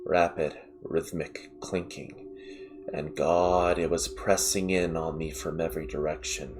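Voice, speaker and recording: A man reading a scripted horror story in a measured, dramatic way with stressed pauses. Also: deep voice. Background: music.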